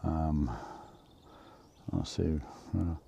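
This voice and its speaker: This man's voice is extremely low, gravelly and dark, delivered flat and extremely slowly. A travel vlogger, he rambles hesitantly with many restarts in a casual vlog, talking to a handheld camera while walking outdoors in nature. The highs are cut off, and there's slight background noise.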